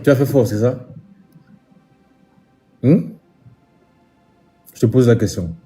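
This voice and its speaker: A man's voice: medium pitch, slow pace, dark tone, soft background music. A man talking to camera in a casual vlog, scolding with indignant repetition. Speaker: vlogger.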